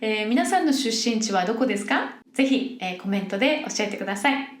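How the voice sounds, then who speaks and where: A woman's voice: medium pitch, lively intonation, fast talker. A young woman from Yokohama hosts a podcast for Japanese learners, explaining things in a friendly way and acting out example phrases. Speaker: podcast host teaching Japanese. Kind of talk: casual podcast monologue. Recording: roomy echo.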